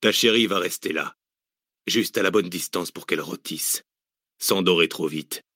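A male audiobook reader voicing a menacing gunman who threatens slowly and coldly. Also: low-pitched, sharp tone, no echo, clean studio sound.

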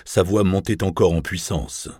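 A man narrating a novel in a measured, even audiobook reading. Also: low-pitched, slightly rough, no room sound, studio quality.

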